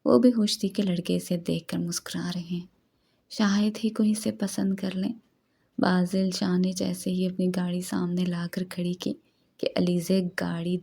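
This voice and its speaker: A woman narrating a romance novel as an audiobook in a steady storytelling read. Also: fairly low pitch, gravelly, slightly rough.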